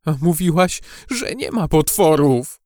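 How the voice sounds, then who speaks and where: A man's voice: a little high, expressive, a little slow, darkish tone, no room sound, clean studio sound, pitched above the performer's own voice. Give me a timid, anxious boy drone bee for a storybook, as a man puts him on, raised and tense. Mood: fearful. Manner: fearful, anxious. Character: timid greedy young male drone bee. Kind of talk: storybook audiobook reading.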